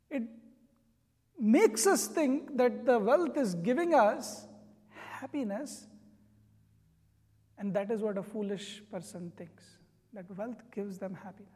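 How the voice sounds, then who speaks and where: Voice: mid-range voice, a little mellow. A spiritual teacher giving an earnest, explanatory sermon. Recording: long reverb.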